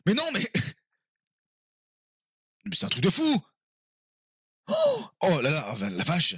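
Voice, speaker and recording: A man streaming live and playing a quiz game with his viewers, excitable and quick to exclaim and swear when he is stuck. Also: on the high side, husky, dry recording, studio quality.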